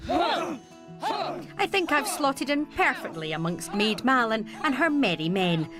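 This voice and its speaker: Lively Scottish woman presenting. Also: high voice, music in the background. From Scotland. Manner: cheerful, jokey and quick to laugh. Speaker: travel show host. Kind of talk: presenting, chatty and with voice-over narration.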